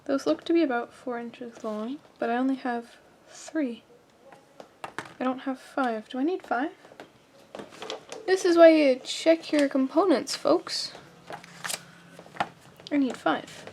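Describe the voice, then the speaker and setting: Woman, high voice, chatty and self-mocking, casual hands-on tutorial, faint background hiss. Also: slow, pauses often, a little mellow. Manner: reads kit instructions aloud. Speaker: host.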